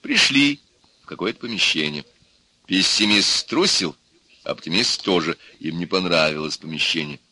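A man narrating an audiobook with an expressive reading. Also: sits low, normal speed, slightly rough. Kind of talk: scripted narration.

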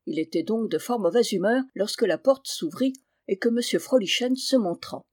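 Woman reading an old novel, steady pace, dry mic. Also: medium pitch, normal speed, no echo. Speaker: reader. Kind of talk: audiobook narration of a classic novel.

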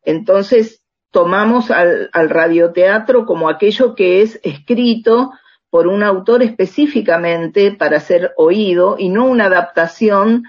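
This interview guest, a middle-aged Argentine radio drama writer, tells anecdotes at an unhurried pace in a medium-pitched voice. Her talk is conversational and peppered with small check-in tag questions. The audio is slightly dull and lo-fi.

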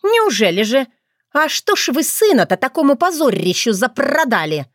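A woman's voice: high voice, sing-song, normal speed, dry recording, studio quality, voice pushed up. A woman voicing a sarcastic young female crow, a bald bride who teases her in-laws, in a storybook reading. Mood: mocking. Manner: sarcastic, teasing.

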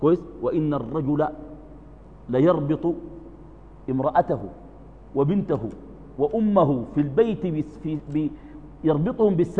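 Sudanese male preacher, high-leaning voice, muffled sound, long hall reverb, asks and answers his own questions. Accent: Sudanese Arabic. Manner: asks the audience questions and answers them himself; swings between calm explanation and sudden loud emphasis. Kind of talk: religious lesson.

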